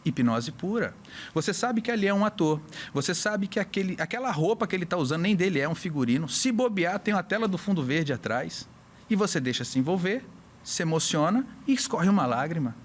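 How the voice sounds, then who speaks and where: Animated Brazilian hypnotherapist, higher voice. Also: male voice, a little fast, a little hiss or hum. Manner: animated, acts out little scenes with voices. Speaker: hypnotherapist guest. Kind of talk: casual podcast chat, explaining.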